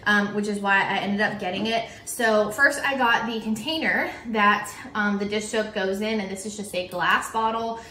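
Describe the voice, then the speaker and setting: Young female home vlogger, casual and chatty, mid pitch, roomy sound. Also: fairly even intonation, moderate pace, hardly any pauses, pushed and bright, recorded from a distance, slight background noise. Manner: chatty, with frequent "um" and "like". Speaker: cleaning vlogger and teacher. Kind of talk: casual chat to camera. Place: kitchen table at home, indoors.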